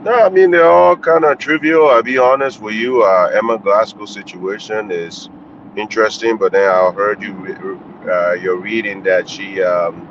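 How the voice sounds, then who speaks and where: Driving in a moving car, a man from Liberia calls in by speakerphone to comment on the news bluntly and candidly in a casual call-in way. His pitch is fairly low, his intonation fairly even, his pace moderate. Faint road noise sits under the muffled lo-fi phone line.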